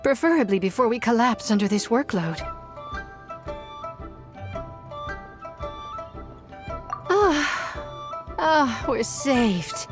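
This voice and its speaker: A woman's voice: a little high, big pitch swings, unhurried, over music. A woman playing a polite, weary young government secretary in a video game, speaking formally. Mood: weary, relieved.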